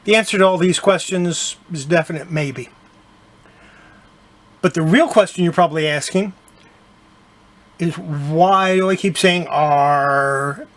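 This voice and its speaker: An older man hosting his own collecting channel, casually showing items from his collection with a relaxed, chatty manner. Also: high voice, a little slow, long pauses. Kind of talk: casual collection show-and-tell.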